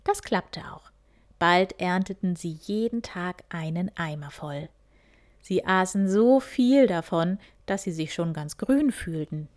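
A woman softly whispering a children's story, reading one tale after another. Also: lowish voice, lively intonation, slow pace. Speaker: reader.

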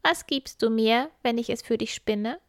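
A woman's voice: fairly high pitch, moderate pace, no room sound, pitched above the performer's own voice, lightly acted. A woman voicing a small scheming male imp, coaxing and bargaining in a raised voice. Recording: dry close recording.

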